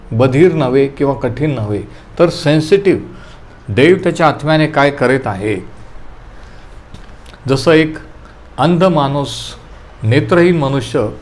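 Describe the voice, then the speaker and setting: Male Bible teacher, slightly high pitch, calm explaining tone, English words mixed in. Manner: calm teaching, asks listeners to underline verses; mixes in English terms. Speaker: preacher. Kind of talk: Marathi Bible study teaching.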